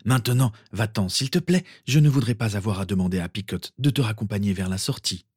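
A man's voice: lowish voice, brisk, a little mellow, slightly rough, dry recording, studio quality. A man voicing a weary old male headmaster, patient but firm.

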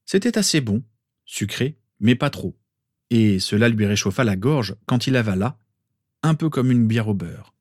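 A man calmly narrating a story aloud. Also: on the low side, dry recording, studio quality. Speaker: reader. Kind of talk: audiobook narration.

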